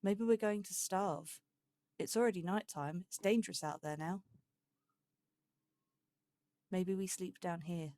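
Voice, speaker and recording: A woman with a low, darkish voice speaks unhurriedly, leaving long pauses. In her casual let's play commentary as a gaming host, she's chatty, thinks out loud, and addresses the game's animals.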